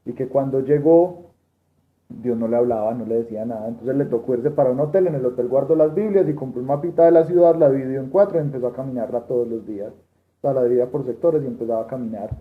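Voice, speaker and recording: In a Bible study class, a man with a mid-range voice tells a testimony story quickly, rambling with restarts and quoting dialogue. The recording is tinny and lo-fi, captured in a room with faint noise.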